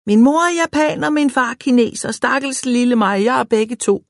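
A woman voicing a lively, bossy schoolgirl who sings and teases loudly in a storybook reading. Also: on the high side, no room sound, clean studio sound, pitched above the performer's own voice. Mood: singsong teasing. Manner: singsong, loud and teasing.

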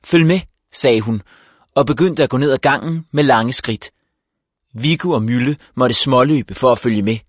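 A man reading a children's book aloud as narrator, with an even storytelling delivery. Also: medium pitch, no room sound, clean studio sound. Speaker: audiobook narrator.

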